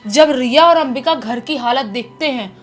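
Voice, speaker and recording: A woman's voice: high voice, moderate pace, a bit bright. A woman telling a true horror story in a chatty, casual way, often repeating words for effect.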